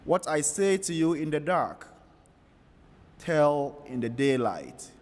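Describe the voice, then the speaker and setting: A man reading the gospel at Mass, solemn and measured, heard with a cathedral echo. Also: a little high, big pitch swings. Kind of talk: liturgical scripture reading. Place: large church. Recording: long church reverb, distant from mic.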